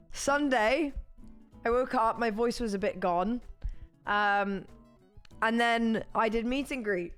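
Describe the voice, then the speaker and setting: Hoarse from losing her voice, a young British woman chats casually with her stream viewers, rambling and laughing often. Her pitch sits fairly high and her tone is a bit bright.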